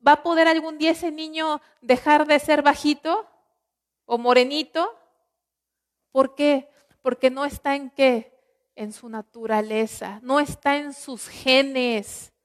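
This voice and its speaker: High-voiced woman preaching a sermon. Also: steady tone. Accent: Mexican Spanish. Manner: earnest teaching, rhetorical questions, slows down on scripture.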